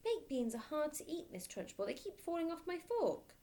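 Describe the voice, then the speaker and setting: A woman's voice: high voice, big pitch swings, moderate pace, dark tone, voice pushed up. A woman voicing a cheeky, confident young schoolboy in a storybook, with a piping, singsong delivery. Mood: protesting.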